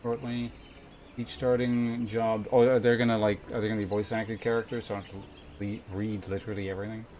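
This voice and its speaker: Over game music, a male streamer chats casually while playing, rambling and occasionally swearing as he thinks aloud. His voice is lowish and darkish, the delivery flat and a little fast, with a slight hiss or hum on the recording.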